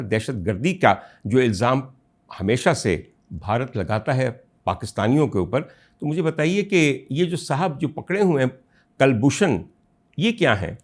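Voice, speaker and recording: This mid-range male voice carries a Pakistani Urdu accent and belongs to the host of a political commentary program. Addressing the audience as ladies and gentlemen, he delivers a rhetorical monologue that climbs toward loud bursts of indignation.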